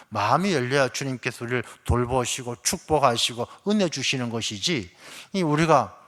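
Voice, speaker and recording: A man's voice: medium pitch, a bit bright. A man, a pastor, preaching a Sunday sermon and telling everyday stories with acted quotes of complaining people. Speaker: senior pastor.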